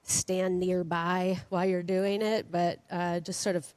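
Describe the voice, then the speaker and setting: A woman in her forties, a panel guest, giving advice in a relaxed and hesitant way with many fillers. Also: lowish voice, unhurried, clear, resonant tone, dry recording. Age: 40s. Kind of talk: casual panel chat.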